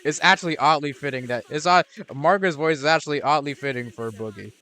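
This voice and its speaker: With a slightly high, bright and forceful voice, this young streamer talks fast as he plays a game. His casual commentary rambles, full of fillers, restarts and unfinished thoughts.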